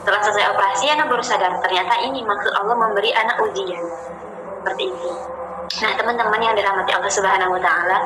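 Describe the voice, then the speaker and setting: A woman teaching an informal Islamic study session in a gentle way, often repeating phrases and speaking directly to her listeners as friends. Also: mid-range voice, noisy background. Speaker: ustadzah leading a religious study session. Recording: roomy sound with music playing behind.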